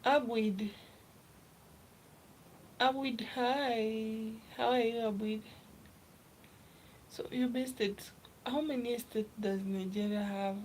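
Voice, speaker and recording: Young woman from kenya, unhurried live stream chat, soft half-whispers, faint background hiss. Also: a little high, fairly even intonation, rough recording. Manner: chatty, reads viewer comments aloud, often soft and half-whispered. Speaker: livestreamer.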